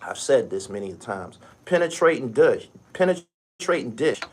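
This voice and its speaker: A middle-aged man hosting a basketball podcast, ranting bluntly with lots of swearing and sudden loud, high outbursts. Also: measured pace, husky. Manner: animated, blunt, swears a lot, rising to shouted outbursts. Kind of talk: profane basketball rant.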